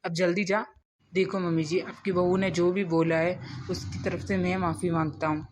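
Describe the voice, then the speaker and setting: A stern young husband in a cartoon, played by a woman in a lowish voice. He scolds his wife and lectures her firmly. He stands by his mother. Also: flat delivery, normal speed, background noise, natural voice.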